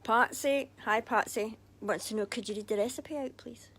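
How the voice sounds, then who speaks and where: A woman's voice: on the high side, moderate pace, a bit bright, husky. Chatty Scottish woman off camera. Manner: cheerful, chatty, reads out viewer comments. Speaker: presenter behind the camera. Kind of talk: casual chat on a cooking livestream. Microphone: phone held by the speaker.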